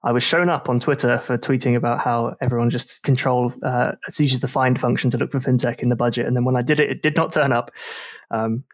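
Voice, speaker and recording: A man's voice: mid-range voice, steady tone, a little fast, no echo, clean studio sound. A man hosting a casual podcast discussion, rambling and self-deprecating with many fillers. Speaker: podcast host.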